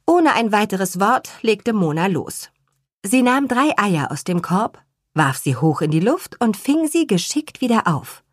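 A woman narrating a children's story with an expressive, measured reading style and a husky voice. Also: medium pitch, no room sound, clean studio sound. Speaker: audiobook narrator.

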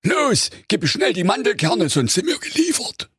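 Squawky comic wolf, gravelly and swooping, bossy and cranky, for a spoof fairy tale. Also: male voice, high-pitched, sing-song, normal speed, a bit bright, dry recording, studio quality, pitched above the performer's own voice, heavily acted. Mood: exasperated. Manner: squawking and bossy, snapping at his partner. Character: big bad male wolf, greedy, bossy and cranky.

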